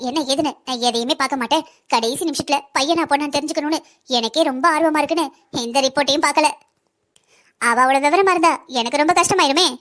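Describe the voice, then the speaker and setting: A woman's voice: high voice, a bit bright. A woman voicing a scheming young cartoon villainess who swapped a baby, sly and mocking. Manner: sly, taunting, mocking politeness. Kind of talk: cartoon voice acting.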